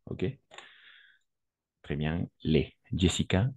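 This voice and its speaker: A man's voice: extremely low pitch, steady tone, very slow, dry recording. A man teaching French in an online lesson, patiently repeating words and correcting pronunciation.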